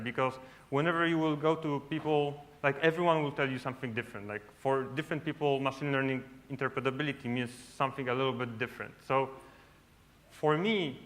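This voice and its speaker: A man from Poland gives a casual conference talk on a large lit stage, repeatedly adding "right?" to his sentences; his first language is Polish. His voice is medium in pitch with a fairly bright tone.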